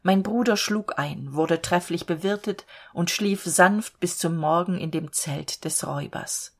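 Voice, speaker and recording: A woman storyteller reading a fairy tale aloud in a calm, measured way. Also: lowish voice.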